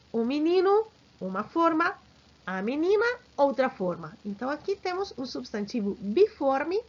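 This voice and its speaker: A woman teaching a grammar lesson, speaking slowly and deliberately and often checking in with her students. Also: high-pitched. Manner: slow and deliberate, checks in with frequent "sim?". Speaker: language teacher. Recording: dull lo-fi recording.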